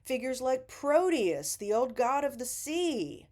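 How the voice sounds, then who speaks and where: A woman teaching a poetry lesson, explaining patiently with deliberate emphasis. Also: sits high, big pitch swings, mellow.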